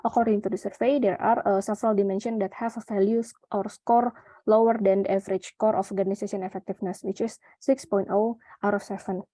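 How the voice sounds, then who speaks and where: A woman's voice: mid-range voice, level tone, warm tone, no echo. A young woman from Indonesia with an Indonesian accent, presenting her research paper at a conference, with many fillers and restarts. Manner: halting, with frequent fillers and restarts.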